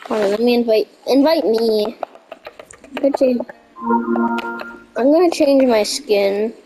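Young gamer, stuffy and congested, excitable casual commentary, a touch high-pitched. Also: female voice, over music, rough recording. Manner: excitable, reads on-screen text aloud haltingly. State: stuffy nose from a cold. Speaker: gaming youtuber.

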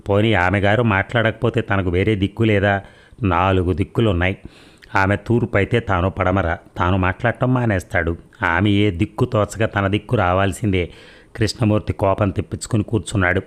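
A man narrating a romance novel aloud, with steady storytelling that slows for the dialogue. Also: on the low side.

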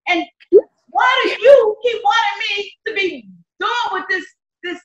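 Give me a woman doing a scornful, emphatic daughter, bright and high, in an echoey lo-fi room. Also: measured pace. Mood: bitter. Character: bitter grown daughter about to marry. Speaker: church skit actor. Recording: echoey, dull lo-fi sound.

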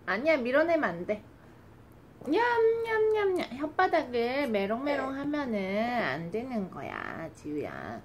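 A woman's voice: on the high side, wildly swooping pitch, moderate pace, hardly any pauses. A young mother at home coaxing her baby to eat with playful sing-song baby talk. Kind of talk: casual home video. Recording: noisy home recording.

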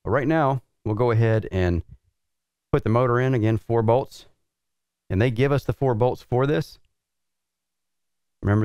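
Brief: middle-aged man, very low voice, unhurried how-to talk while assembling gear, dry slightly dull workshop sound. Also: dry recording. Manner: relaxed, practical explaining while working with tools. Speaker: sim racing equipment reviewer. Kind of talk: hands-on product setup walkthrough. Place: large indoor workshop with concrete floor.

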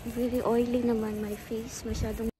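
A Filipino woman walking outdoors after work, chatting casually and slowly to her phone camera through a face mask, laughing at herself. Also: on the high side, flat delivery, background noise. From Philippines. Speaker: vlogger.

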